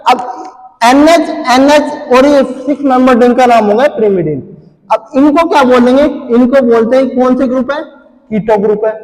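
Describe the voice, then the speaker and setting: A very high, darkish-toned male voice delivers a classroom pharmacy lecture, sketching on a board as he goes. Over and over he asks a question and then supplies the answer himself. The recording is low quality, with a big-room sound.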